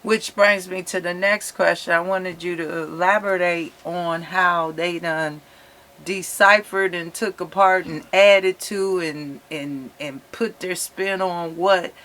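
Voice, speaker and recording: A man's voice: sits high, bright, forceful tone. A man co-hosting a casual interview, putting questions in a wordy, roundabout way. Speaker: interviewer and co-host.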